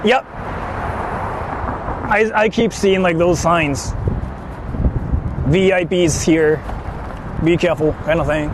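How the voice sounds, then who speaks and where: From inside a car moving through city traffic, a Japanese man livestreams, chatting slangily and explaining things to his viewers. His voice is fairly high and slow, broken by long pauses, and the recording clearly picks up car and street noise.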